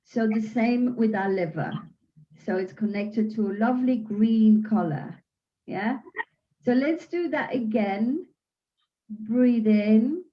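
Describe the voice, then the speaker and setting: A woman teaching qi gong at home, guiding a breathing session in a gentle, soothing, unhurried way. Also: on the high side, muffled recording.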